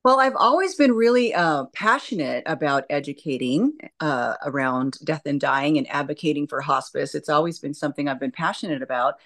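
Low-pitched woman, reflective interview guest. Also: fairly quick, few pauses, fairly bright tone. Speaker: hospice nurse and educator, interview guest. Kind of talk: conversational interview answers.

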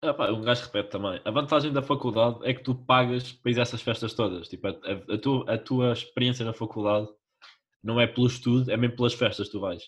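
A young man with a mid-pitched voice. He rattles along very quickly. His style is that of a casual podcast co-host chatting in slang. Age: young adult. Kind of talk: casual chat.

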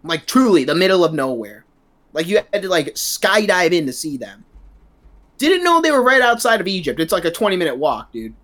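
A man's voice: high-pitched, very animated, brisk, a bit bright. Guy rambling on a podcast, says dude every other line, voice swings up and down a lot. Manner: rambling, says "dude" constantly, playful self-mockery. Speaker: podcast co-host giving a review. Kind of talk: casual podcast chat.

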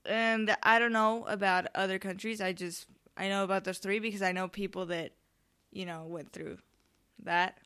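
A teenage girl from Spain chats on her own podcast, rambling and interrupting herself with frequent ums. Her voice is smooth and clear, at an ordinary pitch for a young woman. She sounds a little tired and nervous. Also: fairly even intonation, moderate pace, pushed and bright. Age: late teens. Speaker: podcast host. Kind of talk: casual solo podcast chat.

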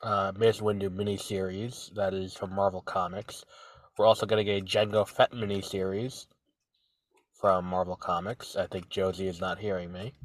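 With a low voice and flat delivery, this man co-hosts a podcast while congested from a cold, his voice stuffy and nasal. He speaks at normal speed in a casual, rambling, hesitant way, full of fillers and restarts. No echo.

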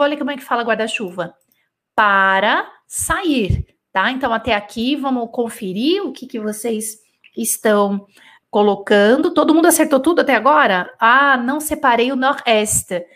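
A woman's voice: fairly high pitch, measured pace. A woman teaching a live French dictation lesson, explaining patiently and checking in with her students often. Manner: explains patiently, switching between Portuguese and French examples; animated, with frequent checks like "né?" and "d'accord?".

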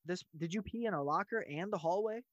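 A man with a somewhat high voice hosts a relaxed chat, prodding his guest with teasing questions. His voice is recorded close and dry. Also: a little fast, dry recording, muffled recording. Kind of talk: casual chat.

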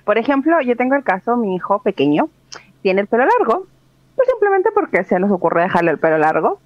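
A woman's voice: on the high side, sing-song, brisk, no room sound. A woman co-hosting a radio talk show, speaking earnestly and telling a personal story. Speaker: radio co-host. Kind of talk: casual radio chat. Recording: dull lo-fi radio sound.

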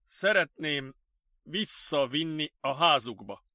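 A man voicing a calm male psychiatrist who speaks slowly and firmly, in an audiobook. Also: a little high, no room sound, clean studio sound, voice pushed up. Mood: reluctant. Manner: slow, soothing and firm. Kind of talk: audiobook character voice.

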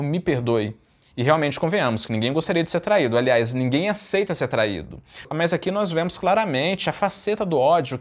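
A man hosting a commentary channel, retelling a story dramatically and reflecting on it with emphasis. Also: mid-range voice. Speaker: channel host.

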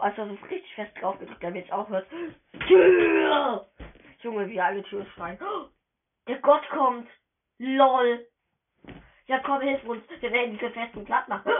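A woman giving casual, excitable let's-play commentary as she plays, chatty and slangy, often tripping over her words. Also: fairly high pitch. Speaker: gamer narrating her play. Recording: tinny phone-quality voice message.

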